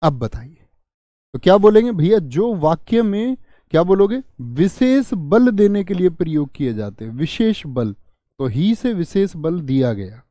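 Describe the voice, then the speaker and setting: This is a male grammar teacher with a north Indian Hindi accent, leading a live online class. His voice sits a little high for a man but sounds warm and mellow, and he speaks very slowly, repeating phrases for emphasis. The sound is dry and close, with no room echo. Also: big pitch swings. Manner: slow, repeats key phrases to stress them; reads viewer comments and answers them.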